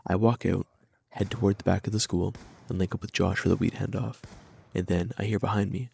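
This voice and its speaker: A man's voice: low voice, little pitch movement, brisk, gravelly, a little mellow, husky. A young man narrating a first-person story in a wry, slangy, scripted storytime style.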